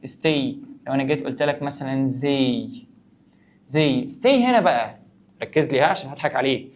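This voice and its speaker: A man with an Egyptian Arabic accent explains English grammar in an online lesson. He talks fast and throws out questions before he answers them himself. His playful teasing keeps the lesson moving. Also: mid-range voice, lively intonation, slight background noise. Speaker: English teacher.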